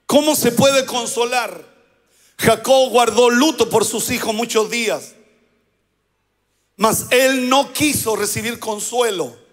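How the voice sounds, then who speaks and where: High-voiced man preaching in a reverberant hall. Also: takes it slowly, long pauses, fairly bright tone. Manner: preaching with call-and-response prompts to the congregation. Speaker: pastor. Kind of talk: sermon.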